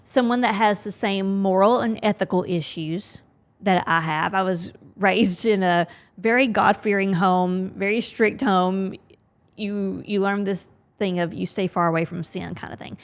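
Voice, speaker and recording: A woman in a relaxed podcast conversation with her co-host, speaking frankly and easily. She thinks out loud and voices her own inner thoughts as she goes, in a middle-pitched voice. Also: unhurried. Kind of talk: candid conversational podcast chat.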